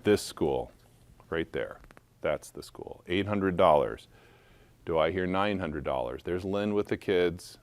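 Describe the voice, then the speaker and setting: A man with a deep, low voice runs a benefit auction, calling bids and tossing in playful jokes as he goes. The sound is dry and close, with no room echo. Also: lively intonation, slow pace. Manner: playful, joking asides between bids. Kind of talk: live charity auction calling.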